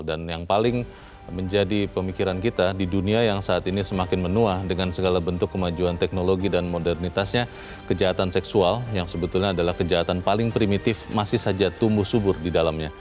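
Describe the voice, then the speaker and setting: A man's voice: sits low, a little mellow. A man hosting a news editorial programme, presenting and interviewing in a studio. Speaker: TV and radio editorial show host.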